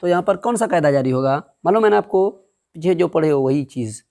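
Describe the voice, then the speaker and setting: A man teaching Quran reading in a step-by-step lesson. He, drills the syllables slowly and asks and answers his own questions. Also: a little high, animated, mellow.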